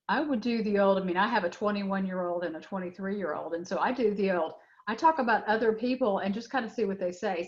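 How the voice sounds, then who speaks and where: A middle-aged woman presenting a workshop, answering audience questions with frank, direct advice and many fillers. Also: mid-range voice. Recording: dull lo-fi web audio.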